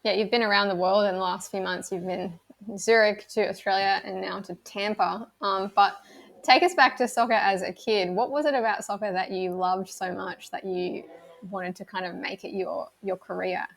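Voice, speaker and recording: A woman co-hosting an interview, asking gentle, open-ended questions. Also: medium pitch, steady tone, moderate pace, gravelly. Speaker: interview co-host. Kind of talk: conversational interview.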